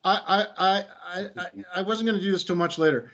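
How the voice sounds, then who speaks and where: A middle-aged American man with a high, steady, brisk and slightly bright voice runs a webinar as a creativity coach. He talks through his slides in a loose, conversational way, cracking light jokes at his own expense. The video call audio is slightly muffled.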